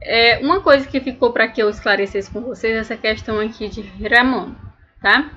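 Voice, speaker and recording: A woman's voice: on the high side, normal speed, pushed and bright, lo-fi sound. A woman teaching a recorded language lesson, patiently explaining and drilling words one at a time. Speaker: Spanish teacher.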